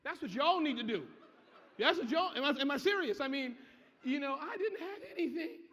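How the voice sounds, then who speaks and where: A man giving an interactive business seminar to a live audience, energetic and constantly checking that people follow him. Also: very high voice, fairly quick. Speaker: seminar presenter. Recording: muffled, echoey hall.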